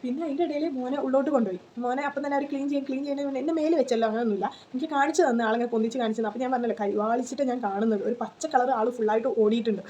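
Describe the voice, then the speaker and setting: A woman's voice: a little high, steady tone, rapid-fire, hardly any pauses, warm tone, lo-fi sound, slight background noise. A woman, telling a personal story in a casual vlog, chatty with lots of fillers and "you know" tags. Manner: chatty, tags sentences with 'you know', many fillers. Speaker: vlogger.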